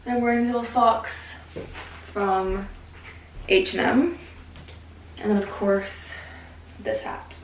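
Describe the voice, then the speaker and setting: Slow, cooing young woman vlogging at home. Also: mid-range voice, steady tone, a little hiss or hum. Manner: doting, cooing baby talk to her dog. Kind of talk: casual vlog chat. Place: home kitchen and bedroom indoors. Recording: roomy echo with music bed. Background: background music.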